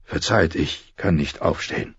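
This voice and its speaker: A man voicing a wounded, weary lord who speaks quietly and gravely with icy politeness. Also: a bass voice, a little slow, dry recording, highs cut off, heavily acted.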